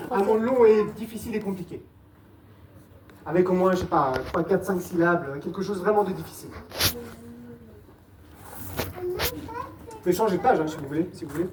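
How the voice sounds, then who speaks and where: A woman performing a mentalist act on stage, playfully guiding audience volunteers and patiently repeating her instructions. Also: medium pitch. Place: live show venue with audience. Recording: echoey, distant mic, noisy live room.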